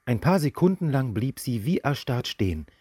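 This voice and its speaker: A man narrating a fairy-tale audio story in an expressive storybook manner. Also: medium pitch, normal speed.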